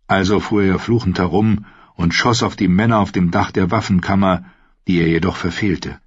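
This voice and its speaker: Low husky male audiobook narrator. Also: fairly even intonation, moderate pace, no echo, dull audio.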